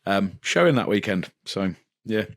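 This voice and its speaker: A man's voice: fairly low pitch, sing-song, unhurried, fairly bright tone, dry recording. A man co-hosting a podcast, teasing his partner in jokey, casual banter. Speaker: podcast co-host. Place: indoor podcast studio, filmed.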